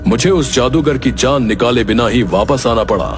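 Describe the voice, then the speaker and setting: A man's voice: mid-range voice, normal speed, natural voice. A stern cartoon god of death voiced by a man, commanding and exasperated, in a mid-range voice. Music plays behind him. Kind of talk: Hindi cartoon dialogue.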